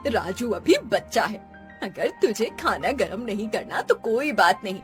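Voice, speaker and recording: A woman voicing a patient older mother-in-law in an animated cartoon, speaking in a soothing, gentle way. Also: medium pitch, a little slow, faint music behind, close to an everyday voice.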